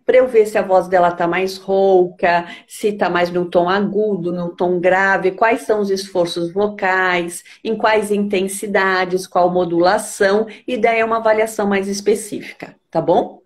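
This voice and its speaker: Brief: woman from Brazil, speech therapist, calm didactic explainer who keeps checking in. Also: medium pitch, measured pace, hardly any pauses. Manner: patient, didactic, checks understanding with "tá?". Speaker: speech therapist answering questions. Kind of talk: explanatory health talk.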